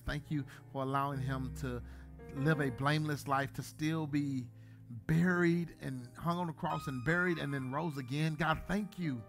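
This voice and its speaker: A man in his thirties, a pastor, preaching a sermon in a church, joking at times and then building to loud, emphatic bursts. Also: mid-range voice. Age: 30s.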